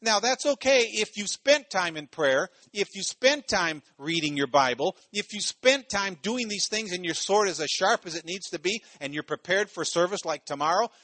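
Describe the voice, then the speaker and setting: Male preacher from Ohio, higher register, dry recording; talks the sermon casually and hammers points by repeating them. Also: lively intonation, normal speed, few pauses, pushed and bright, dry recording. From Ohio, USA. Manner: conversational, full of "you know" asides, repeats phrases for emphasis.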